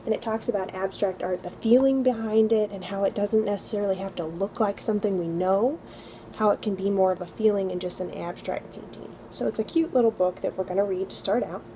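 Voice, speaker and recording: A chatty, upbeat woman talks through her weekly tutor plans and fills her pauses with ums. Her voice is mellow and warm. A faint hiss of noise sits underneath. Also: mid-range voice, fairly even intonation, low-quality recording. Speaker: homeschool co-op tutor. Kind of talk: casual lesson-plan walkthrough.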